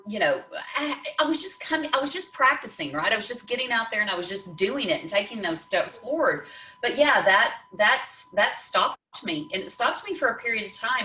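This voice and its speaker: A woman hosting a casual conversation, telling stories in an animated way and laughing often. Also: medium pitch, reverberant, distant mic, low-quality recording. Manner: animated storytelling with frequent laughs. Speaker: podcast host.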